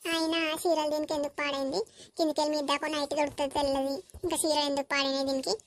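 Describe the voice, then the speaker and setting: A woman's voice: high-pitched, flat delivery, very fast. A woman voicing a bossy old village mother-in-law with a Telangana accent, scolding and nagging. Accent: Telangana Telugu. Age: over 60.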